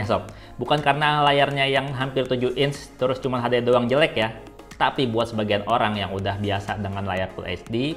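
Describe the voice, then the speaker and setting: A man's voice: medium pitch, a bit bright. A man narrating a casual, scripted tech review as a voice-over. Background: background music.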